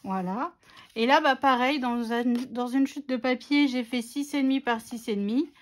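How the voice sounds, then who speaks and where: A woman's voice: sits high, moderate pace. A woman narrating a scrapbooking tutorial in a chatty, self-mocking way, with many fillers. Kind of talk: casual craft tutorial narration.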